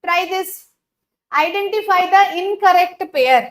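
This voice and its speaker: Woman, Telugu accent, biology teacher, live online class, very high voice, slow unhurried delivery. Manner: mixes English and Telugu, repeats 'okay', frequent 'uh' fillers.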